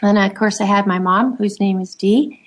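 A middle-aged woman, the guest on an interview show, speaking in a heartfelt and halting way, with many fillers. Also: medium pitch, steady tone. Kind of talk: emotional personal conversation.

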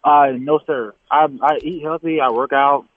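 Young guy on a tinny phone line calling in, polite and hesitant, kinda high voice, lots of ums. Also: steady tone, normal speed, no room sound. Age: 20s. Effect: heard over the phone. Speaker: radio show caller. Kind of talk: call-in question.

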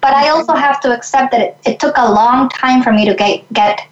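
In a conversational interview, a Mexican woman appearing as a guest talks in a high-pitched, fairly quick voice, earnest and reflective, frequently restarting sentences. The sound is reverberant and dull.

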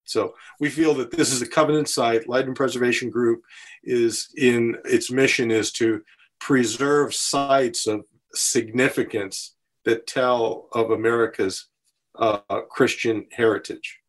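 An older man talks as a podcast guest in a measured way, circling back over his phrases as he builds each point. His voice sits at a mid pitch, neither high nor low. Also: steady tone. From US West Coast. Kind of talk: conversational interview.

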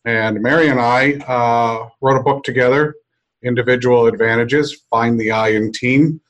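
A middle-aged American man hosting a podcast from an office conference room on a meeting room mic, speaking in a halting, deliberate, reflective way. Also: mid-range voice, steady tone, fairly bright tone, lo-fi sound. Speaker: podcast host. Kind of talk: unscripted podcast introduction.

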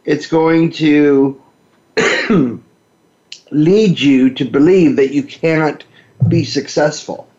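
A man hosting a talk show, speaking in a measured, conversational explaining way with self-corrections, recorded in an echoey space. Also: a little high, darkish tone. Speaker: radio talk show host. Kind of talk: conversational monologue on behavioral therapy. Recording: echoey room, dull lo-fi sound.

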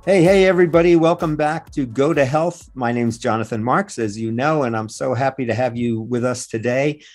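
A man's voice: medium pitch, moderate pace, faint music behind. A man hosting a radio talk show, addressing listeners and a guest.

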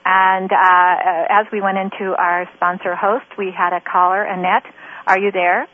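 A woman's voice: medium pitch, flat delivery, moderate pace. A woman hosting a radio call-in show, talking hesitantly and repeating herself. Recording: muffled lo-fi radio line.

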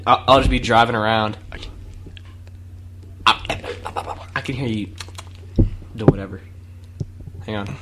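A man's voice: lowish voice, steady tone, slow pace, pauses often, heavy background noise. A teenage boy co-hosting a casual chat show, tossing out dry, playful comebacks. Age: teens. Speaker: co-host.

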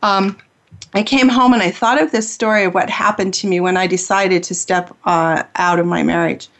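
A woman's voice: medium pitch, steady tone, normal speed, fairly bright tone. A woman who hosts a spiritual healing radio show, telling a personal story in an earnest, heartfelt way.

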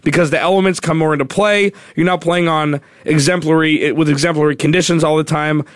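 A man's voice: on the high side, steady tone, fairly quick, dry recording. A man hosting a sports radio talk show from the studio, chatting casually and rambling as he thinks aloud.

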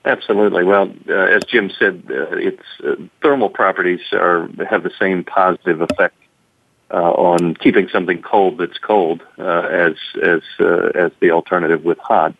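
A man speaks as a company guest in an interview, stopping and restarting often, with "uh" between phrases. His voice is very low and dry. It comes through a thin, phone-like line. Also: fairly even intonation, creaky, dry recording. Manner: halting, many repeats and fillers. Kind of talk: interview answers.

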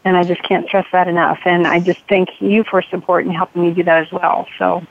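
A woman calling in to a radio talk show over a phone line, speaking earnestly and haltingly with fillers. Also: fairly low pitch, level tone, vocal fry. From San Diego area. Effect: caller heard over a phone line.

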